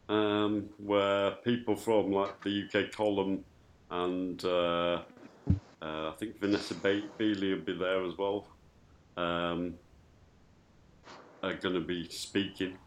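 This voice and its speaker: A man hosting a casual live radio show, speaking haltingly and often trailing off mid-phrase. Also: sits low, steady tone, a little hiss or hum.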